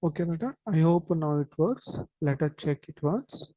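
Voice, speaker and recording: A woman with an Indian accent teaching an online lesson in a halting, repetitive way, dropping in Hindi interjections. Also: deep voice, animated, dark tone, no room sound. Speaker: chemistry teacher.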